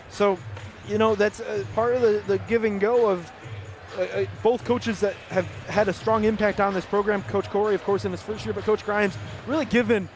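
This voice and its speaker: Male play-by-play caller, higher voice, noisy rink broadcast feed. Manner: rapid play calls, rising to shouts on shots. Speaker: play-by-play announcer. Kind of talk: live hockey play-by-play commentary. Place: ice rink press area.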